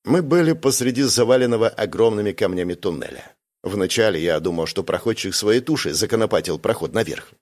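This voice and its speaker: A man reading first-person science fiction narration in an even, steady storytelling voice. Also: fairly low pitch, fairly quick. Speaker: audiobook reader.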